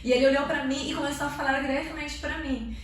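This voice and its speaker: This woman talks fast in a high voice while giving an emotional church testimony as an interview guest. She is lively and earnest and leans on tag questions. The sound is echoey and distant, with a little hiss or hum.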